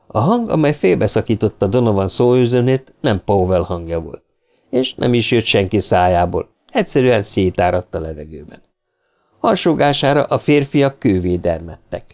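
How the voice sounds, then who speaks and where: A man narrating a science fiction audiobook in a measured storytelling manner. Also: fairly low pitch, lively intonation, darkish tone. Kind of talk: scripted narration.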